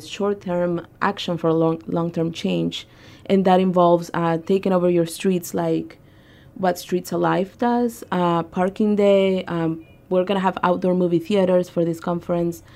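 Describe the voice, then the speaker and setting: Young woman from Peru, radio interview guest, deep gravelly mellow voice, casual with fillers. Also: steady tone, unhurried. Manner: conversational, frequent ums and uhs. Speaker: guest, arts organizer.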